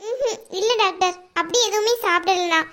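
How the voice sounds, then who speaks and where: A woman voicing a tired, sick young daughter-in-law in a cartoon, speaking softly and meekly. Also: very high voice, moderate pace. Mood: weary. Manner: soft, tired, meek. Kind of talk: cartoon voice acting.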